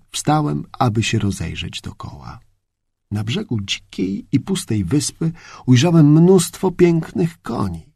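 A man narrating a first-person adventure story in an expressive storytelling delivery. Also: medium pitch, vocal fry, husky, no echo, clean studio sound. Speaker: audiobook narrator.

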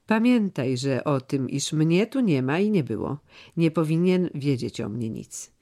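A man's voice: fairly high pitch, very animated, measured pace, mellow, heavily acted. A man reading the part of an aging, loyal steward who speaks in a solemn, earnest, old-fashioned way. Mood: grave, earnest. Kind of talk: audiobook character reading.

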